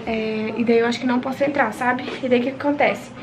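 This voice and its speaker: A young Brazilian woman vlogs at home on a handheld camera, chatting with viewers and narrating her day step by step. Her voice is fairly high and steady in tone, and she speaks at a quick pace in this casual family vlog.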